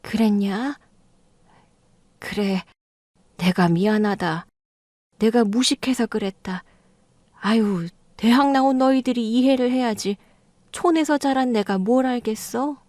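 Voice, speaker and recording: A woman's voice: fairly high pitch, a little slow, pauses often, a little mellow, no room sound, clean studio sound, close to an everyday voice. A woman voicing an elderly mother-in-law in an audio drama, defensive and flustered, then pleading. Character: older mother-in-law, stubborn then backpedaling.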